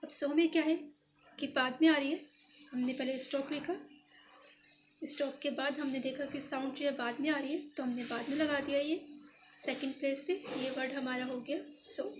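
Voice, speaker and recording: A woman's voice: high voice, steady tone, moderate pace, noisy background. A woman explaining a shorthand lesson step by step, patient and repetitive, pointing out each stroke. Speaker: shorthand teacher.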